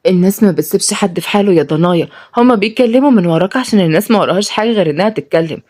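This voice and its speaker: A woman's voice: mid-range voice, expressive, very fast, darkish tone, natural voice. A woman doing a coaxing older Egyptian mother. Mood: motherly. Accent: Egyptian Arabic.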